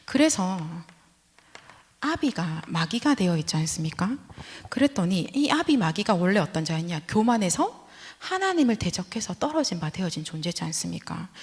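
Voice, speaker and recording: Woman, sermon, husky voice, soft whispered asides, long church-hall reverb. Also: medium pitch. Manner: lively, rising and falling delivery with soft whispered asides. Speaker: preacher. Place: church sanctuary.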